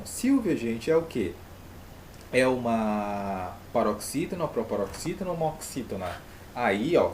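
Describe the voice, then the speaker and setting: A man's voice: mid-range voice, darkish tone, slight background noise. A man with a Brazilian Portuguese accent, teaching an online grammar lesson and putting rhetorical questions to his pupils.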